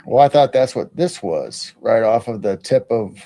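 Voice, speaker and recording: A man hosting a casual live stream, thinking aloud in halting starts while studying something on his monitor. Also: on the low side, expressive, dark tone. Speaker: stream host.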